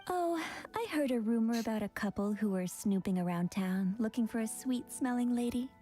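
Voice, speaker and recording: Actress as a coy, mellow-voiced flirtatious woman. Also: fairly high pitch, lively intonation, normal speed, close to an everyday voice. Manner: coy, drawling, teasing. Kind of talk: anime video game character acting. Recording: music behind the voice.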